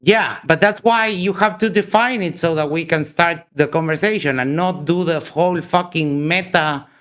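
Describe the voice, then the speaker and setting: A man with a Uruguayan accent argues on an online voice call. His voice sits a little high, and his manner is combative and insistent. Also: moderate pace, fairly bright tone. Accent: Uruguayan Spanish. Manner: combative, insulting, switches into profane Spanish rants. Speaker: debate participant. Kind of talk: heated online debate. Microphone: computer mic on a voice call.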